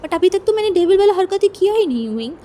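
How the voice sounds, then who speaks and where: A woman's voice: very high-pitched, big pitch swings, quick pace, a little hiss or hum, voice pushed up. A woman reading as a possessive teasing young lover. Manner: coaxing, playful, soft-spoken. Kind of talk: fan fiction read aloud.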